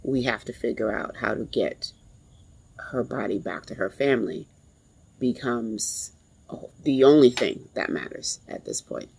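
A woman in her forties telling a personal story in a reflective, halting way. She is grieving and pauses often to compose herself. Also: very deep voice, lively intonation, vocal fry, a little mellow, breathy edge, poor audio. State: grieving, emotionally strained.

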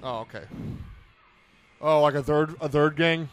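A man's voice: on the high side, a little slow, smooth. A man casually chatting in an audio commentary over a film, joking and crude.

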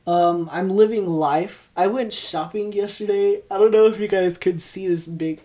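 A woman's voice: medium pitch, normal speed, dark tone. Rambling twenty-year-old woman podcaster. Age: 20s. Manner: rambling, stumbling, upbeat. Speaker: podcast host. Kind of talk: casual solo podcast chat. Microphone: podcast mic, also filmed for video.

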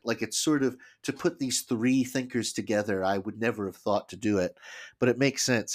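A man co-hosting a casual podcast, tentatively explaining a book at length. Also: mid-range voice. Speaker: podcast co-host.

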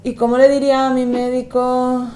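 A woman's voice: high-pitched, completely flat delivery, moderate pace, warm tone. A woman co-hosting a bilingual language lesson, playfully asking how to say things and laughing easily. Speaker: co-host asking questions.

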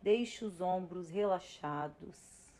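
A Brazilian woman calmly leading a guided breathing and relaxation exercise with unhurried pauses, as an instructor. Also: on the low side. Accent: Brazilian Portuguese. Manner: slow, calm, instructing with pauses. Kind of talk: guided relaxation for expectant parents. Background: music.

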